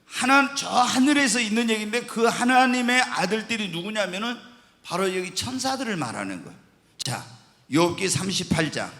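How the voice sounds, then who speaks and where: A man's voice: high voice, lively intonation, normal speed, pushed and bright. A male pastor teaching the Bible in a sermon, asking the congregation questions and answering them himself. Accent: Korean. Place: church sanctuary. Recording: long hall reverb in church.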